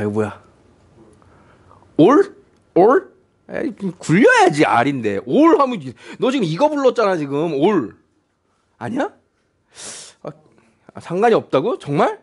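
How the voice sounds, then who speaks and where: A middle-aged man teaching a math class, chatty and often quizzing his students with questions. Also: medium pitch. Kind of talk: classroom lecture.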